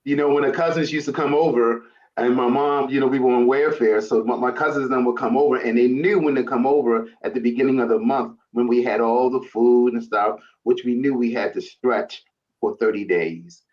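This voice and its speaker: A man's voice: mid-range voice, fairly even intonation, fairly quick. Male guest from Brooklyn, mid-range voice, colloquial and plainspoken, casual storytelling on slightly muffled audio. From Brooklyn, New York.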